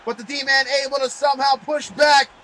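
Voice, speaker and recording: A man calling play-by-play as a wrestling commentator, excitable and exclamatory in his delivery. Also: very high-pitched, normal speed, a little hiss or hum.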